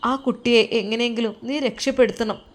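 Tender old father, tearful and soft-spoken, lilt, as a woman narrator puts him on. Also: a little high, fairly even intonation, a little fast, close to an everyday voice.

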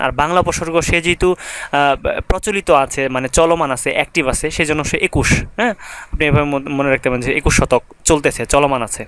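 A man's voice: a little high, fairly bright tone, clean tone. A young man teaching grammar in a casual, conversational lecture, with many fillers and rhythmic recitation of word lists.

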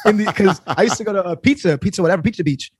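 A man, co-hosting a casual podcast chat, joking and animated. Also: sits high, rapid-fire, breathy edge, no room sound. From New York, Queens. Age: 30s. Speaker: podcast co-host.

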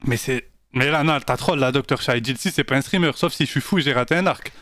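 A man streaming live, chatting casually and directly with his viewers in an animated, slangy way. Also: mid-range voice, fast, no room sound, clean studio sound. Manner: animated and slangy, talks straight to his chat.

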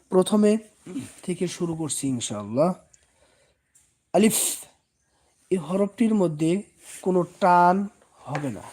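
A man's voice: sits high, mellow. A man with a Bangladeshi Bengali accent giving a patient Quran reading lesson, repeating each letter and drawing out its sounds. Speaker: Quran teacher. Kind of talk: slow step-by-step recitation lesson.

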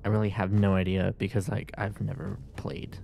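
A man's voice: fairly low pitch, completely flat delivery, normal speed, creaky, warm tone, slight background noise. A man giving casual commentary while streaming a game, sarcastic and swearing at the game's characters.

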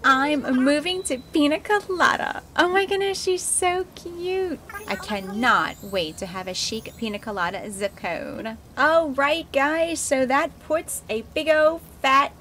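An excitable woman chatting her way through a video game as a creator, talking straight to her viewers. Her voice sits slightly high, and she bursts into squeals of delight when things go her way. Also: measured pace, hardly any pauses, a little hiss or hum. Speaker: gaming YouTuber. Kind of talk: casual gameplay commentary.

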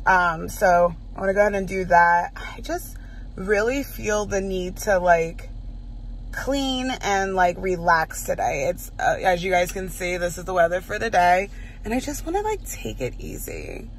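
Her voice sits fairly low and has a sing-song lilt, and she talks a little slowly over a slight hiss or hum. The speaker is a South Jersey stay-at-home mom in her thirties with an American accent, casually encouraging viewers in her home cleaning vlog with frequent "like" fillers, moving from a parked car to her house.

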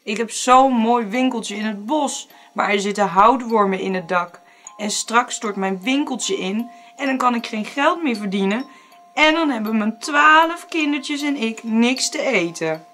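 A woman's voice: a little high, big pitch swings, unhurried, fairly bright tone, faint music behind, pitched above the performer's own voice. A woman voicing a sly male spider trickster in a storybook reading, wheedling and theatrical. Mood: pleading.

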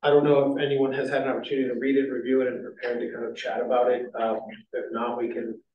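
A man's voice: mid-range voice, little pitch movement, fast, muffled recording. A man chairing a city zoning board meeting, talking in a rambling way with many fillers and restarts. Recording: echoey meeting room, distant mic.

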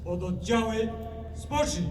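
A man calls out military drill orders in a high, drill sergeant bark, commanding a parade. He is far from the mic on a big outdoor square, with echo and noise around him. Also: expressive, slow. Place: large outdoor town square. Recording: echoey, noisy outdoor square from afar.

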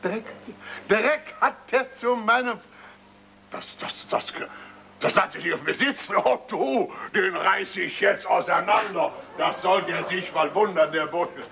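A man's voice: high voice, measured pace, creaky, bright, forceful tone, a little hiss or hum, heavily acted. An actor playing a boastful, stubborn factory-owner father in a stage comedy, blustering and repeating himself.

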